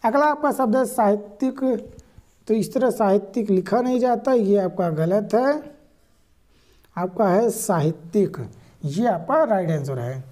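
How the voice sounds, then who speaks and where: A woman's voice: medium pitch, lively intonation, measured pace, dark tone. A woman teaching correct spellings for an exam, explaining each word patiently and repeating the right answers. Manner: repetitive, explanatory, addresses viewers directly. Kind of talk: spelling lesson for exam prep.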